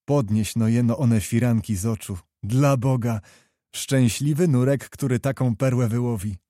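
Man reading as hearty old prince, commanding, jovial, dark mellow tone, dry sound. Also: mid-range voice, normal speed, dry recording, close to an everyday voice.

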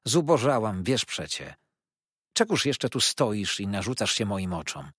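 A man's voice: lowish voice, big pitch swings, unhurried, fairly bright tone, husky, no echo, studio quality, heavily acted. A man reading an audiobook, voicing a proud, wounded older aunt who speaks in a dignified, reproachful way.

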